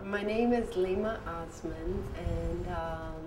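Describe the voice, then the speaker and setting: Woman in her 30s, artist from Afghanistan, earnest and reflective, low voice, faint background noise. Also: slow. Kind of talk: casual talk about her own work.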